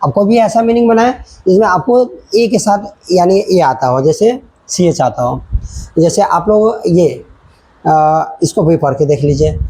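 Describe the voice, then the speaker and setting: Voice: medium pitch, lively intonation, measured pace, warm tone, breathy edge, rough recording. A teacher giving a children's grammar lesson, repeating points and checking in often while mixing in English words.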